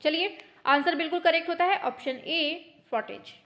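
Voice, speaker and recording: High-voiced teacher woman, brisk and teasing. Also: a bit bright. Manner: brisk, teasing, mock-scolding students as kids. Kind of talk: online exam-prep quiz lesson.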